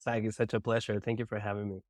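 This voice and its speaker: A man with an Argentine accent, hoarse from a cold, chatting easily as a podcast guest and laughing often. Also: fairly low pitch, flat delivery, fast, no echo, clean studio sound. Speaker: podcast guest, author and mindset coach. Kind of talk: casual interview chat.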